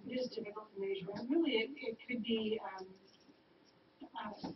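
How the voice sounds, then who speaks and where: Woman explaining in an echoey meeting room. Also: fairly high pitch. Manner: measured, explanatory, with frequent ums. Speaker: school district administrator. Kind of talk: answering questions at a public school board meeting. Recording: echoey, dull sound from a distant mic with noise.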